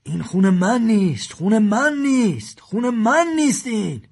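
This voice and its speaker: A man voicing a frightened, simple man who wails and shrieks in a high voice. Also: big pitch swings, gravelly, darkish tone, breathy edge, heavily acted. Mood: shrieking.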